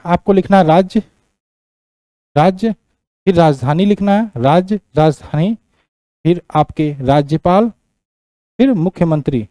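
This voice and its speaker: High-voiced male teacher giving a lecture. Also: mellow, dry recording. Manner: repeats key points, keeps checking in with "theek". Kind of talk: classroom lecture on geography.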